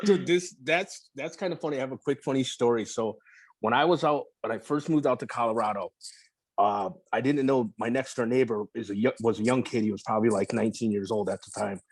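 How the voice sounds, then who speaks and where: A man talking casually as a podcast guest, mid-pitched and easygoing. He rambles through his stories with plenty of profanity and false starts. The sound is close and dry, with no room around it. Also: brisk, breathy edge, no room sound. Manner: relaxed, profane, rambling with restarts. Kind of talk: casual interview storytelling.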